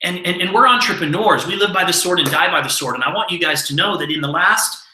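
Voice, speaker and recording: A man's voice: sits high, quick pace, sharp tone, slight background noise. A man mentoring his team by telling an earnest motivational story. He repeats words when stressing a point. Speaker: mentor giving a training. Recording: echoey room.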